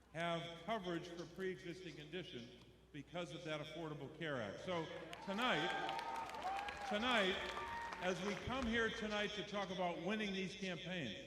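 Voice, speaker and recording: An American man giving a declamatory rally speech, repeating phrases for emphasis as a political speaker. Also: sits high. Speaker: political speaker introducing the headliner. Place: large rally venue, public-address sound. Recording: crowd noise, echoey large venue. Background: cheering crowd.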